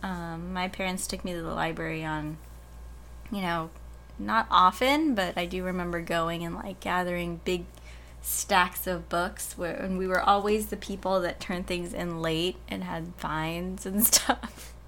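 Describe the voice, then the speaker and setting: A woman's voice: fairly low pitch, steady tone, measured pace, fairly bright tone, a little hiss or hum. A woman who works as a librarian, chatting casually and laughing often. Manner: giggly, rambling. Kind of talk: casual chat.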